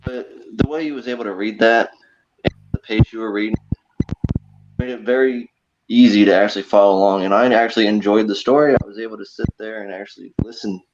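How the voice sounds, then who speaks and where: A man's voice: lowish voice, fairly even intonation, fairly quick. Man on a cutting-out call line, muffled and noisy. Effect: bad connection, cutting out. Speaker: remote guest on a live show. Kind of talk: casual chat.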